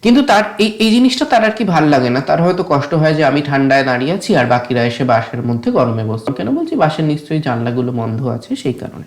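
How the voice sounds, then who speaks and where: Bengali-accented woman teaching English slowly. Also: low voice, very animated, darkish tone. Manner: reads English lines slowly, then explains them in Bengali; often asks "ঠিক আছে?" to check understanding. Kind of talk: explaining an English lesson in Bengali.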